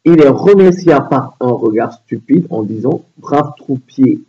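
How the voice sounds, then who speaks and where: A man reading a literary passage aloud at a steady pace. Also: mid-range voice, a little slow, slightly rough. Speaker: reader. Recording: dull lo-fi recording.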